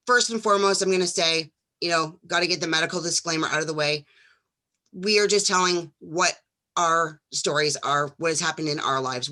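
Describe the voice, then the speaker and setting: Upbeat lady hosting an online call, bright punchy voice, informal. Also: lowish voice. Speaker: host of a product testimonial call. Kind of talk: informal presenting.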